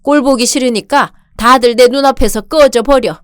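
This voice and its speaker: A woman's voice: high voice, fairly even intonation, moderate pace, fairly bright tone, smooth, dry recording, clean studio sound. A woman reading the part of a domineering older father-in-law in a radio drama, barking insults and orders. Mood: contemptuous.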